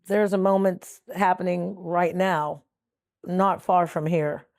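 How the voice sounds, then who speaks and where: In a studio-quality documentary interview without room sound, a middle-aged Trinidadian woman who founded a sanctuary reflects earnestly, filling pauses often. Her voice is fairly low, dark, and steady, and she speaks slowly.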